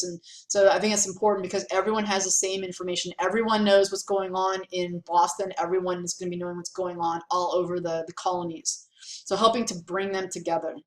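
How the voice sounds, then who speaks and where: Woman, teacher, casual lecture, chatty with fillers, echoey room. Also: medium pitch. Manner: chatty, animated, lots of fillers. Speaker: history teacher.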